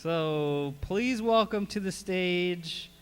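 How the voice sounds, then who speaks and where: Speaking extremely slowly in a high-sitting voice, a male event host introduces guests at a live meetup. His banter is casual and self-mocking, with jokes about getting names wrong.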